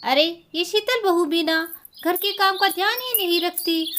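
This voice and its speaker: Woman playing a stern mother-in-law, scolding, bossy, very high bright voice, storybook. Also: unhurried, slight background noise, heavily acted. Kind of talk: storybook voice acting.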